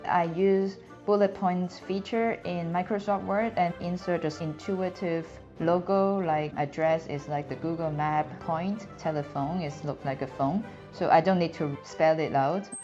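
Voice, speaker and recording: With a fairly low pitch, fairly even intonation, and a measured pace with few pauses, a woman in her thirties from Hong Kong hosts a career advice video. She has a Hong Kong accent, speaks Cantonese as her first language, and explains earnestly and clearly to the camera with slightly non-native phrasing. The camera frames her mid-shot in a small, plain-backed indoor room, and the recording sounds slightly dull with faint music.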